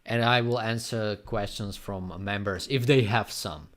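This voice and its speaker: A man from Slovakia with a Slovak accent, chatting casually on a live stream and answering viewers' questions in a rambling, unhurried way. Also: fairly low pitch, fairly even intonation. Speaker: graffiti artist live streamer.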